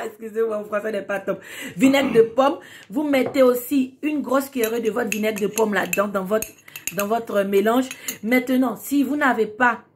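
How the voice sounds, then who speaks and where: A woman hosting a casual beauty tutorial, talking emphatically and repeating key words for stress. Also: on the high side. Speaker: beauty tips host.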